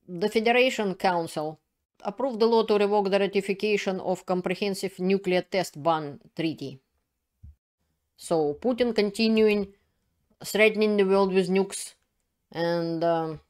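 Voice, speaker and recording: A woman's voice: lowish voice, a little mellow. A middle-aged woman from Russia with a Russian accent, hosting her own channel and explaining news in an earnest way, with frequent fillers and restarts. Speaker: channel host. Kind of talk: solo commentary video.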